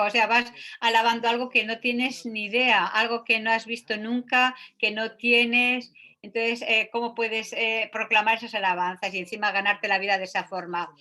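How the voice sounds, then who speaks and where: Bright-voiced woman teaching a sutra. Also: a little high. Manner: hesitant, many filler sounds, reads passages aloud. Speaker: Buddhist teacher or interpreter.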